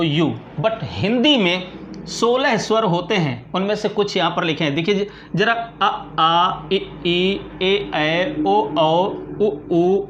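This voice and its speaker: An Indian man teaching English grammar in a classroom lecture, explaining patiently, repeating words and often checking with "clear?". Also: high-pitched, fairly bright tone, dull audio, a little hiss or hum.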